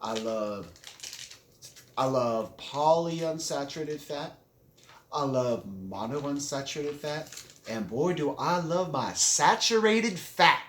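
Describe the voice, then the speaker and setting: Guy rambling on camera mid-bite, mouth full, bouncy pitch, slow and echoey room. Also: animated, fairly bright tone, slight background noise. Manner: talks with his mouth full, chewing between phrases; rambling, enthusiastic, self-correcting. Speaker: vlogger. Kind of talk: casual vlog talk while eating.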